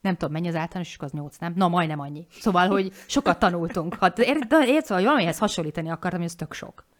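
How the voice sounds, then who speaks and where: A woman in her forties talking candidly on a podcast, frank and animated, swearing casually and restarting her sentences. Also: fairly low pitch.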